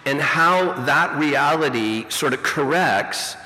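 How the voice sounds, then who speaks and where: Middle-aged pastor on a fuzzy distorted recording. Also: male voice, fairly high pitch, expressive, slow, sharp tone. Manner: reflective, rambling, heavy on "you know". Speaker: pastor and teacher. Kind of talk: conversational sermon. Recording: distorted, reverberant hall recording.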